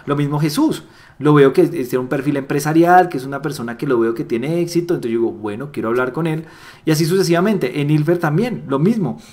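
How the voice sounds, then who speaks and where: A man's voice: fairly high pitch, fast. A man giving a motivational training talk on sales and networking, repeating key phrases for emphasis. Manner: animated, acts out little dialogues with voice shifts.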